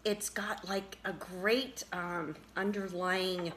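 This middle-aged woman co-hosts a show, chatting eagerly across an indoor dining table and laughing often. Her voice is lowish, slow and somewhat bright, with fairly flat intonation. A faint hiss or hum sits under the recording.

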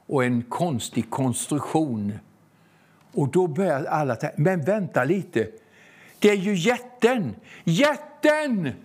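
A man preaching a sermon that tells a story, with slow, emphatic repetitions and frequent hesitant fillers. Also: medium pitch.

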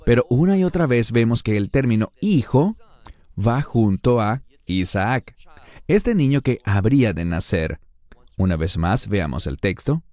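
A man teaching a Bible study lesson, explaining a passage verse by verse, slowing down on key words and putting questions to the listener. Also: medium pitch, big pitch swings, warm tone, dry recording.

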